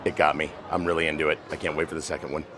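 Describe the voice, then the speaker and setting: A man's voice: very deep voice, flat delivery, very fast, noisy background. A man vlogging casually from a theme park, chatty and self-deprecating, sounding a bit deflated. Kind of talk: casual vlog to camera.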